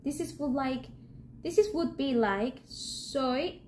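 A Colombian woman, a native Spanish speaker, teaching a Spanish lesson in English, modelling phrases slowly and cheering the learner on. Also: high voice, darkish tone, a little hiss or hum. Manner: encouraging, slow and clear demonstrations. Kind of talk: interactive language lesson.

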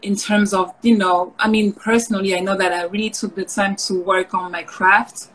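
Raised in the Paris suburbs of France, this woman speaks casually and reflectively as an interview guest on a video call. Her mid-range voice holds a steady tone at a moderate pace and sounds fairly bright. The recording is rough, with a little hiss or hum.

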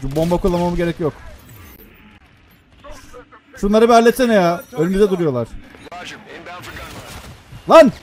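Excitable young man yelling over gameplay. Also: high voice, normal speed, long pauses. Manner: excitable, swearing, shouting at the game. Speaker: gameplay commentator. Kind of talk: casual gameplay commentary.

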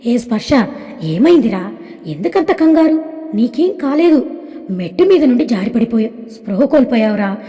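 A woman voicing a devoted young man who talks to his partner in a soft, affectionate, coaxing way, in a storybook reading. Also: very high-pitched, very animated, normal speed, pauses often. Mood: tender. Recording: long hall reverb.

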